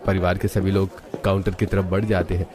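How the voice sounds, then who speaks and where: A man narrating a cartoon story in a steady storytelling manner. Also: low-pitched, a little fast, a crowd in the background.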